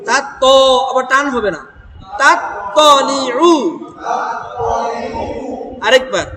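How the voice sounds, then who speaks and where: A man teaching Quran reading, spelling out syllables and chanting the verse slowly. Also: very high voice. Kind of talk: Quran reading lesson with recitation. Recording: echoey hall with noise.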